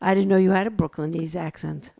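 A woman's voice: on the low side, fairly even intonation, brisk, creaky, dark tone, dry recording. Older New York woman chatting on radio. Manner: chatty, laughs easily. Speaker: co-host. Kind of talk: casual radio chat.

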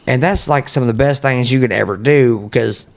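A man's voice: mid-range voice, normal speed, vocal fry. A man in a casual podcast chat as a guest, rambling in a folksy way and cursing often. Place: at home.

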